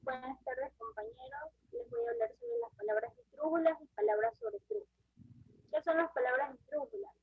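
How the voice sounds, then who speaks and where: A woman's voice: extremely high pitch, expressive, fast talker, vocal fry, no echo, narrow, tinny audio. A woman student reading definitions and examples in short pieces for a class presentation.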